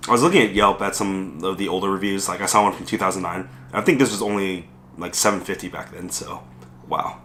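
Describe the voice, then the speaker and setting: Hoarse, low-voiced man rambling casually. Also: steady tone, fairly bright tone, slight background noise. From Southern California. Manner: rambling, many ums and pauses. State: hoarse, recovering from illness. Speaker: food vlogger. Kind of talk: casual rambling mukbang vlog. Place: restaurant dining room.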